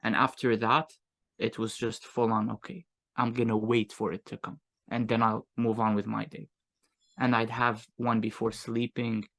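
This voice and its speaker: A man's voice: lowish voice, level tone, moderate pace, vocal fry, fairly bright tone. A young man with a Moroccan accent, telling his own story candidly in an interview in a reflective, casual way. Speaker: guest, agency owner.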